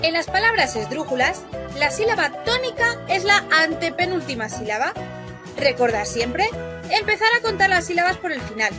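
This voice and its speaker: A woman with a Spain Spanish accent giving a scripted grammar lesson for children, slowly drawing out each example word. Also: very high-pitched, very animated. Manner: slow, stretched-out spelling of example words. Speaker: narrator of a children's grammar video. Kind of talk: scripted educational narration. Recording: clip with loud children's music behind.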